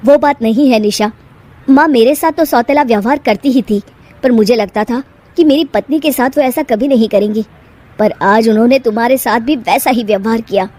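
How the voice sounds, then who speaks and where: A woman voicing a calm, patient young husband in a cartoon, in a soothing tone. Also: fairly high pitch, normal speed, natural voice. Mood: gentle. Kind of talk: cartoon voice acting.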